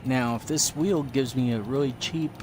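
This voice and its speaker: A man's voice: mid-range voice, normal speed, background noise. A man in his fifties chatting casually to his live stream audience while playing a racing game. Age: 50s. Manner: chatty, rambling, talks to live chat. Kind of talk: casual gameplay commentary.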